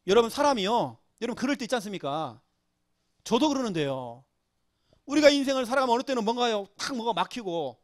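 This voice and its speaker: A man's voice: extremely high pitch, no room sound, studio quality. A middle-aged male pastor giving an emotional sermon, pleading and crying out in prayer. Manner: emotional, pleading, rising to loud cries.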